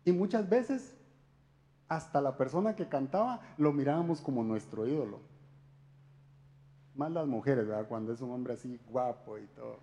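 A man's voice: medium pitch, lively intonation, normal speed, pauses often, dark tone. A man giving a conversational sermon talk, speaking directly to his listeners with frequent rhetorical questions. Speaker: church speaker.

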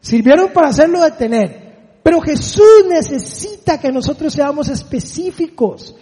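A man's voice: very high-pitched, expressive, normal speed, mellow, big-room sound. A man preaching a sermon, often putting rhetorical questions to his listeners.

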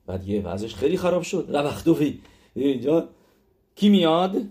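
A man's voice: mid-range voice, sing-song, dark tone. A man teaching a religious text lesson, explaining step by step with frequent hesitations and fillers.

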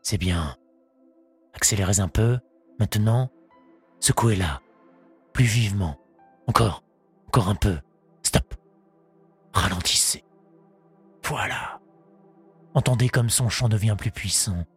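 Read by a man, a haughty baron barks orders in a slow, commanding drawl. His voice sits low and sounds deeply husky and breathy. This is an audiobook character delivered with cold authority. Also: faint music behind, full character voice. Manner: imperious, scolding, instructing. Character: commanding aristocratic male baron, scornful.

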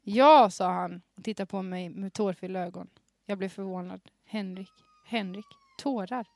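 A woman's voice: medium pitch, level tone, gravelly, a little mellow, no echo, clean studio sound. Woman giggling through an old story. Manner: reads with suppressed giggles. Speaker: podcast host. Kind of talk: reading aloud her old teenage story. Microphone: studio microphone with headphones.

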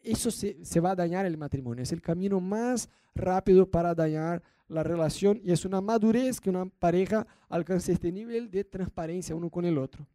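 A man with a Rioplatense Spanish accent giving a lively talk on marriage, often acting out what spouses say and asking whether the listener follows. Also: high voice, normal speed, few pauses, no room sound, studio quality. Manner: acts out quoted spouses, rhetorical asides. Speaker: marriage speaker.

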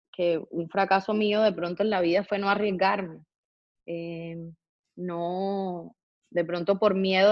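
A woman's voice: lowish voice, no echo, lo-fi sound. A woman answering interview questions, reflective and hesitant, with frequent fillers and restarts. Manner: hesitant, many fillers and restarts, slow thoughtful phrasing. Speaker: interview guest, public figure.

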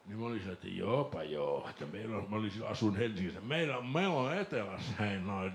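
A man from Lapland telling a lively story on a casual podcast, laughing and mimicking voices along the way. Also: lowish voice, a little hiss or hum. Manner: animated storyteller, laughs and mimics voices, shouts when excited. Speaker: podcast host.

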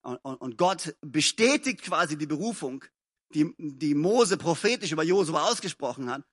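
A man preaching a live evening sermon in church as pastor, emphatic, repeating phrases and swinging between loud calls and quiet, close passages. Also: on the high side, animated, moderate pace. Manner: admits to stumbling over sentences and grammar. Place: church service.

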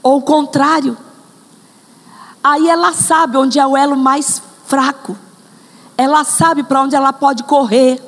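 A woman's voice: high voice, steady tone, slow, long pauses, big-room sound. A woman preaching a sermon, speaking straight to the congregation and acting out examples. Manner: addresses the congregation directly, acts out examples.

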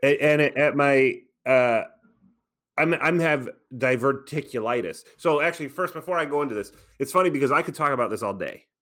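A man's voice: medium pitch, lively intonation, a little fast, a bit bright. A man co-hosting a podcast, talking in a casual chat with dry, skeptical teasing. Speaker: podcast co-host.

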